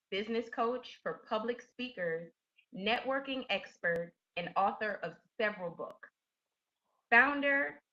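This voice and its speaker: A female webinar host with a mid-range voice reads a formal, scripted introduction of a coach in a forceful, bright tone. The online webinar audio is muffled, dull and lo-fi.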